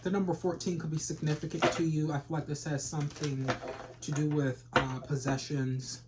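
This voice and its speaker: This tarot reader is a man whose voice sits on the high side, with little pitch movement and a normal speed, over heavy background noise. He rambles casually through the reading, leaning on slang and repeated phrases.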